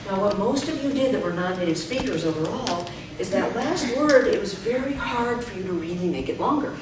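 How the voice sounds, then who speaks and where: A woman's voice: medium pitch, animated, fairly quick. A woman leading a speaking workshop as a speech coach, stretching out syllables when she demonstrates. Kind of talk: teaching a workshop. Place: club meeting room. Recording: echoey room, far from the mic, noisy.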